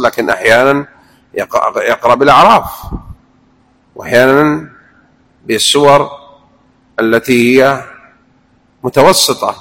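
Male preacher, mid-pitched, lively religious lesson. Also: poor audio. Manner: animated, demonstrates recitations aloud.

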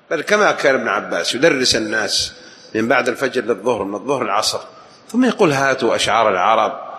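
A male Islamic teacher lecturing a study circle. He tells stories in an animated way, with sudden swings in loudness. A faint background hum sits behind him. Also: medium pitch, rough recording. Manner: animated storytelling with asides. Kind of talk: lecture to students.

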